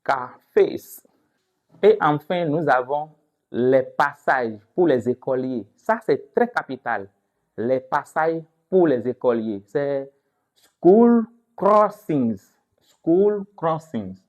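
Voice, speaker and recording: A man's voice: medium pitch, expressive, slow pace, darkish tone. A man teaching a vocabulary lesson. He asks the class questions, answers them himself, and repeats each word several times so listeners can drill it. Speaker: English teacher.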